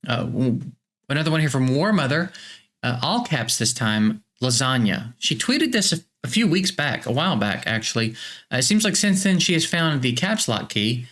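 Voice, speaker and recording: A man's voice: medium pitch, big pitch swings, moderate pace, fairly bright tone. A man hosting a comedy show, reading fake tweets aloud in a bemused way with stammering restarts.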